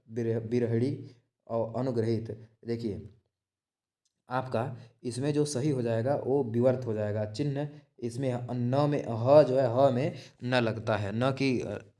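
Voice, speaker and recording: A man explains quiz answers one after another in a plain, mid-pitched voice. He repeats each term and checks in with the listener as he goes. He often breaks off mid-word to correct himself. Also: warm tone. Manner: repetitive, checks in with "theek hai". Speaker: exam-prep teacher.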